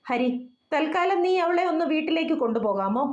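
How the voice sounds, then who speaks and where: A woman voicing a composed, practical young man who speaks briskly and reassuringly, in a roomy, dull recording. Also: sits high, animated, pitched above the performer's own voice.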